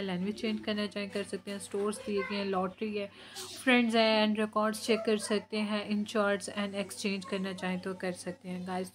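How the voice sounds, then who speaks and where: A woman hosting her channel, narrating a screen-recorded app walkthrough in a flat, repetitive way from the region when she uses words. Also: medium pitch. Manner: flat, repetitive, with frequent fillers like guys and friends. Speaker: YouTube channel host.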